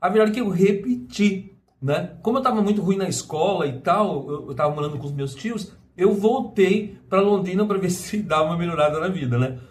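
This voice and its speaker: A man from Brazil speaks in a high-pitched voice. He talks in a casual personal monologue. He stumbles through restarts and keeps tacking on little questions as he goes. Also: animated, a little fast. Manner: rambling, full of restarts and tag questions. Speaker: vlogger.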